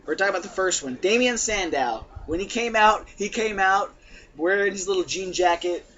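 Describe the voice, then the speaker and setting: A man's voice: high voice, moderate pace, bright, forceful tone. A man hosting a casual wrestling podcast, laughing often and steering the talk along, on a muffled lo-fi recording. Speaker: podcast host. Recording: muffled lo-fi recording with faint hiss.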